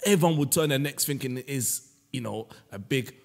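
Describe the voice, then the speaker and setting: A man hosting a casual comedic podcast chat, teasing his guest and telling animated stories. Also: medium pitch, fairly quick, gravelly. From Senegal. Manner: playful, teasing, animated storytelling. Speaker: podcast host. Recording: roomy long reverb.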